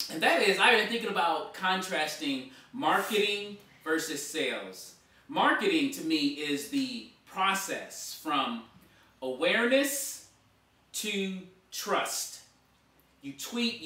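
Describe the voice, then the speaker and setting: Speaking to camera in a relaxed vlog, this thirtysomething blogger and author sounds animated and conversational, both hands moving as he talks. His bright, forward voice sits a little high. Recorded from a distance in a dining room, it comes through with heavy, echoey reverb.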